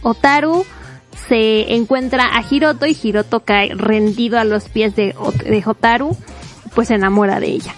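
High-pitched woman, a lively storyteller who acts out character voices. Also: normal speed, faint music behind. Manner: animated, chatty, laughs often, acts out characters' lines. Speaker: manga reviewer. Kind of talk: casual retelling of a manga plot.

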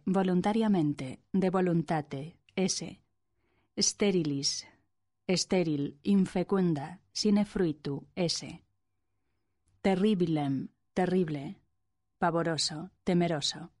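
Slow, measured woman reading word lists. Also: on the low side, a little mellow. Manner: measured, methodical, listing words one by one. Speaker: lecturer on medieval glosses. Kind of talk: read-aloud philology lesson.

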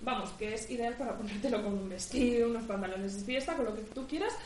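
A woman's voice: a little high, fast, darkish tone, echoey room, recorded from a distance, slight background noise. A young Spanish woman co-hosting student radio, reading a news item with playful, ironic asides. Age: young adult. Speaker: radio co-host. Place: university radio studio.

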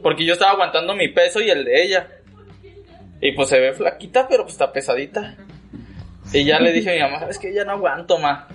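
A man's voice: on the high side, animated, a little fast, long pauses, fairly bright tone, faint music behind. A man with a Mexican Spanish accent, co-hosting a casual chat and telling a story animatedly, swearing and laughing along the way. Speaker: podcast co-host. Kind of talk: casual chat among friends.

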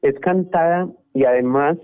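A Colombian man with a Colombian Spanish accent, explaining his point in a measured way during a radio panel discussion. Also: a little high, smooth. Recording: phone-like radio line.

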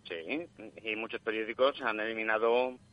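A man calling in to a show over the phone, telling anecdotes in an unhurried, chatty way. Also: fairly low pitch, steady tone. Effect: heard over the phone. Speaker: caller. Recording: muffled phone line.

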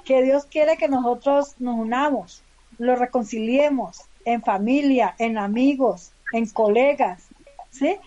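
A high-pitched female voice with a Valle del Cauca Colombian accent, heard over a dull, lo-fi connection. She is a community leader chatting in an interview, repeating words and correcting herself as she goes. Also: dark tone. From Palmira, Valle del Cauca, Colombia. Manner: halting, repeats words and self-corrects often. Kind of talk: casual conversational interview. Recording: dull lo-fi remote call.

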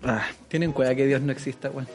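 A man's voice: medium pitch, fairly even intonation, quick pace, over music. A man with a Chilean accent chatting casually as co-host, jeering and laughing often. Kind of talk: casual chat.

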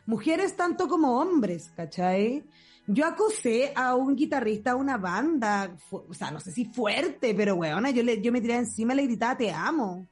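A young adult woman with a Chilean accent, co-hosting a casual podcast chat and telling animated, slang-filled stories. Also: fairly high pitch, normal speed, breathy edge, soft background music. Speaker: podcast co-host.

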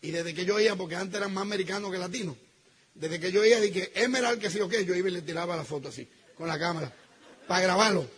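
A man telling an audience a personal story, acting out the dialogue and swinging between loud outbursts and hushed asides. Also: high-pitched, fast, slightly rough. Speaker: speaker telling his business story to an audience.

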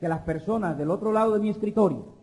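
A man interpreting a sermon line by line, keeping pace quickly with the preacher and sometimes restarting mid-phrase. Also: high voice, darkish tone. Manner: quick, with restarts while translating. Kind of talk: live sermon interpretation into Spanish.

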